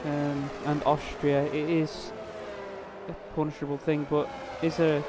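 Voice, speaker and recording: A tired man giving relaxed live commentary on an online sim race, chatting casually with viewers and drivers. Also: on the high side, a little slow, background noise. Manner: laid-back, chatty, addresses viewers and drivers directly.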